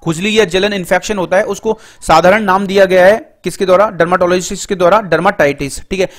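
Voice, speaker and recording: High-voiced man teaching word roots. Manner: explains word roots step by step, often says "ठीक है" and "दोस्तों"; reads English definitions out slowly and deliberately. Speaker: English teacher. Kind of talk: Hindi vocabulary lecture.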